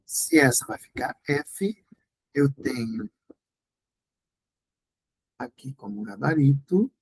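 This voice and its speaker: A man's voice: medium pitch, expressive, slow, breathy edge, poor audio. A Brazilian Portuguese tutor, a man, going through exam questions in a review class. He talks in a didactic way, checks in with his students often, and breaks words into syllables to stress them.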